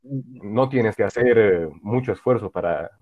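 Bolivian guy, lowish voice, earnest chat host, muffled lo-fi audio. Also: measured pace. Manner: earnest, reflective storytelling with frequent restarts. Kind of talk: casual chat. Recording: dull lo-fi sound.

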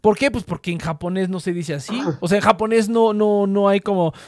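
A high-voiced man with a Mexican Spanish accent argues in brash, profane bursts. He talks casually among friends and keeps insisting on his point. The sound is dry and close, with little room echo. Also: fairly quick.

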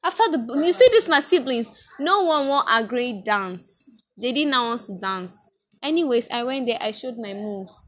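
Bright-voiced young Nigerian woman vlogging. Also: on the high side, moderate pace. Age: young adult. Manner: chatty, mixes in pidgin, animated storytelling. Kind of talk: casual vlog chat.

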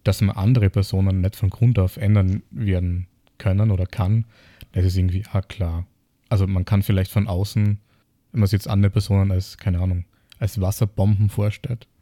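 An Austrian man co-hosting a podcast explains things reflectively, speaking in casual, piecemeal phrases and posing rhetorical questions. His deep voice is warm but flat in delivery, at a normal speed, and the recording is dry.

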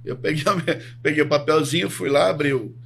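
Animated São Paulo man telling stories. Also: on the high side, fast talker, vocal fry, slight background noise. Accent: Brazilian Portuguese, São Paulo. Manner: animated storyteller, acts out quotes. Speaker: guest, bodybuilding judge and coach. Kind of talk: casual podcast chat.

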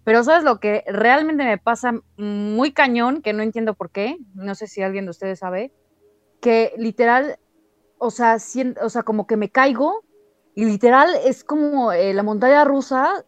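A woman chats casually and animatedly, leaning on fillers. Her voice is a little high, and the sound is dry and close. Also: normal speed, dry recording. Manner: animated, uses "literal" and "o sea". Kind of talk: casual chat.

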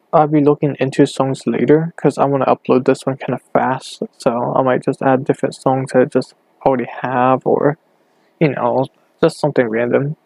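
A young man rambling hesitantly on his own podcast, talking low in his bedroom with a hand cupped over the mic. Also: gravelly, a little mellow, no echo. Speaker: podcast host. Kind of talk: casual solo podcast. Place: bedroom at home.

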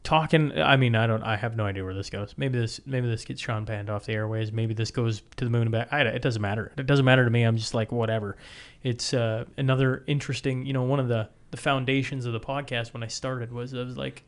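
Man hosting a casual podcast, mid-pitched. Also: steady tone. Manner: halting, repeats words as he thinks aloud. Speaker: podcast host. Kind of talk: casual interview chat.

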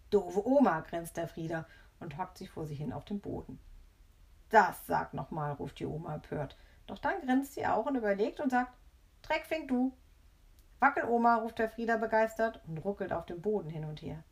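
A woman reading a children's story aloud in a lively, expressive way. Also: mid-range voice.

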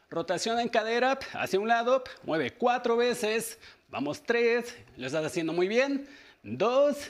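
A man with a Mexican Spanish accent leading a dance workout class, counting the beats aloud and cheering his viewers on. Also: high voice. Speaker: aerobics instructor. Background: workout music.

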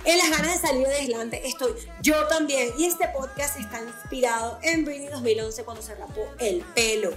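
A woman with a Caribbean Venezuelan Spanish accent and a slightly husky voice, hosting a podcast in a casual, playful, irreverent way. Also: sits high, normal speed, hardly any pauses, music in the background. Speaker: podcast host.

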